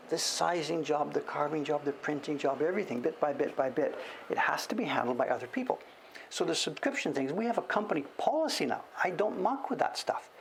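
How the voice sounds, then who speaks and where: Speaking in a fairly high, gravelly voice, a printmaker in his late sixties rambles on a livestream, often calling himself by name and correcting himself as he goes. The low-quality recording carries slight background noise.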